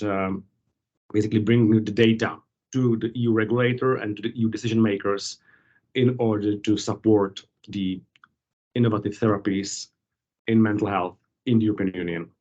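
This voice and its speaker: Low-voiced man on a call. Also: a little mellow, highs cut off. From Czech Republic. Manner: measured, formal policy explanation. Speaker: guest, policy advocate. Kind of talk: interview over a call. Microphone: video call.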